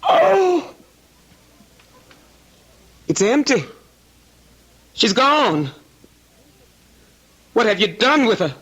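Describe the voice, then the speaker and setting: An actress playing an anxious, long-suffering older housekeeper, deferential and pleading, in old-time radio drama style. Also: female voice, fairly high pitch, big pitch swings, extremely slow, pauses often, fairly bright tone, husky, full character voice. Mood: terrified. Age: middle-aged or older.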